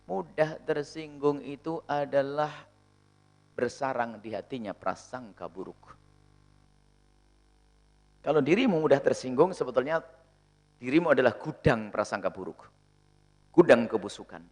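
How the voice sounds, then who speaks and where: A male preacher answering questions in a sermon, animated and often acting out the people he quotes. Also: mid-range voice, unhurried, long pauses. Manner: animated, acts out quoted speakers.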